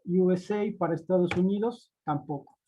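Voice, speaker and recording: A man's voice: sits high, normal speed, dark tone, slight background noise. A man narrating a screen-recorded spreadsheet tutorial, methodical and step-by-step, often repeating points. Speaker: spreadsheet instructor. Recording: dull lo-fi recording.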